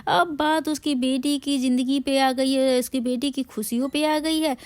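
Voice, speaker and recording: High-voiced chatty woman narrator. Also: darkish tone, no room sound. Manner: chatty, addresses viewers as friends, loose restarts. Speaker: TV serial recap narrator. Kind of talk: casual spoken recap to viewers.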